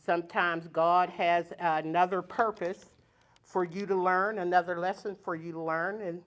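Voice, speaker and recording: Lively woman telling a story on stage. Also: on the low side, measured pace. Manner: lively, colloquial, acts out quoted voices. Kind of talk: live personal storytelling. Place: indoor storytelling event.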